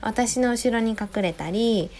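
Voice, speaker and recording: A woman in her thirties, a mother, talking in a gentle, chatty way in a casual solo audio diary, close to the mic. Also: fairly high pitch, slow. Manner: gentle, chatty, many soft "ne" tags. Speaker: podcast host, mother of a preschooler. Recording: faint music behind voice.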